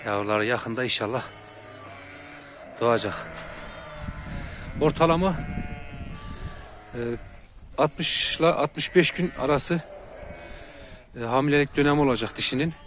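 A man's voice: unhurried, pauses often, slight background noise. A man presenting his own dog vlog, talking to viewers while tending his dogs outdoors. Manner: coos at dogs in a high, loud voice, calm and lower when explaining. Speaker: dog breeder vlogger. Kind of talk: casual vlog narration to viewers.

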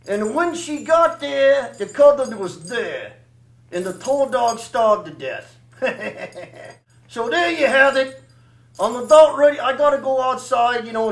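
A man voicing a wisecracking male ventriloquist dummy who tells jokes and gruffly brushes people off. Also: very high voice, roomy sound, voice pushed up, full character voice. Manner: joking, gruff brush-offs.

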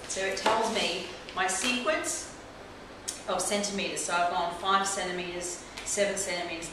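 Lady showing how she does a scalp check, talking it through step by step, really echoey room, picked up from afar, hissy. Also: mid-range voice. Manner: explains step by step while working on a client. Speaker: trichologist demonstrating a technique. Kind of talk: hands-on instructional demonstration. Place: small bright clinic room. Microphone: camera mic from across the room. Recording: roomy echo from a distant camera mic, clear background hiss.

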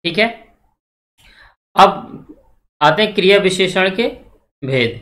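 Taking things slowly, this man teaches Hindi grammar for exam prep in a high, expressive voice with a bit of brightness. He repeats material, questions the class and gives the answers himself, and checks in with students often.

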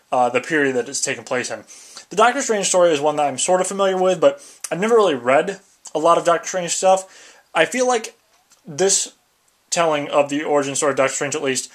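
A man casually reviewing a comic book, rambling with many fillers while talking around something in his mouth. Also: a little high. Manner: loose, rambling, lots of fillers.

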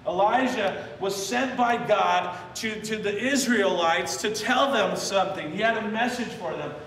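A man's voice: high voice, measured pace, a bit bright, slight background noise. A male pastor preaching a sermon and leading the congregation in call-and-response on a memory verse. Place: church sanctuary. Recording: echoey church hall from a distance.

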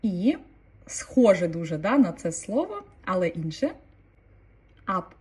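A woman teaching an online language lesson, calmly explaining and repeating each new word. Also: on the low side, measured pace, husky.

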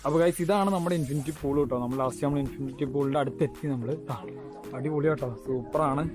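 A man's voice: mid-range voice, fast talker, music in the background. A man with a Kerala Malayalam accent vlogging casually and enthusiastically to viewers, mixing English words into his Malayalam. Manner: enthusiastic, repeats catchphrases of approval. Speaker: travel vlogger, host. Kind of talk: casual vlog commentary to viewers.

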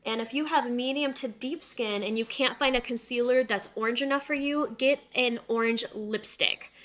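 Talking at normal speed in a slightly high, somewhat bright voice, a woman in her thirties hosts a laid-back beauty tutorial, with a little hiss or hum in the audio. A lingering cold makes her sound nasal and a touch stuffy. She addresses viewers directly, sitting close to the camera in an indoor room studio set.

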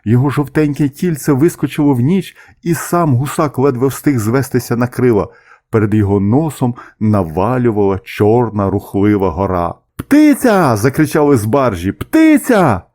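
A man narrating a children's story as an expressive, measured audiobook reading. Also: mid-range voice.

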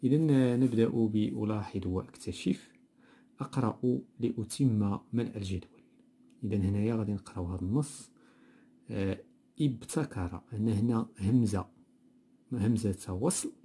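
A man with a Moroccan accent teaching a grammar lesson from a textbook, explaining slowly and repeating words. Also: lowish voice, mellow, husky. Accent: Moroccan Arabic. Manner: explanatory, repeats words slowly, mixes dialect with standard Arabic.

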